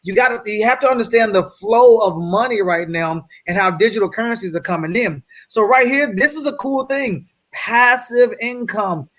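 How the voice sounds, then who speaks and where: A man giving an energetic slide presentation as a guest speaker on a video call, often checking in with his audience. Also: high voice, normal speed, few pauses. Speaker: guest speaker on wealth building.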